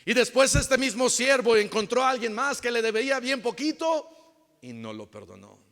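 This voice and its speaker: A male pastor preaching a sermon with emphatic swings from loud to hushed, acting out the voices of people he quotes. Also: very high voice, very animated, normal speed. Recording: long reverb of a large church hall.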